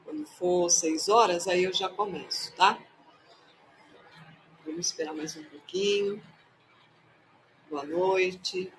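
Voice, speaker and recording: A woman's voice: lowish voice, slow pace, long pauses, a little hiss or hum, rough recording. A woman hosting a casual live stream as a tarot reader, playful and chatty as she greets her viewers one by one.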